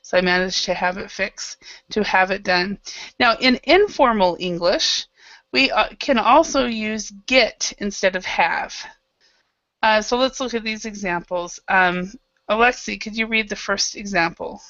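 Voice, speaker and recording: A woman's voice: medium pitch, unhurried, fairly bright tone, no room sound, highs cut off. A woman from Idaho teaching an online English class, patient and encouraging, with many fillers. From Idaho, United States.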